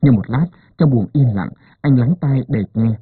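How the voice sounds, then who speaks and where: A man narrating a story as an expressive audiobook reader. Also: medium pitch, moderate pace, husky, no echo. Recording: narrow phone-like dry sound.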